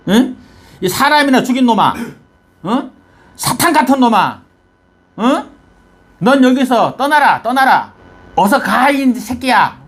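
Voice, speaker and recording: A man voicing a bitter old man who taunts and curses a king, in a husky voice. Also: high-pitched. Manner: shouting insults, taunting.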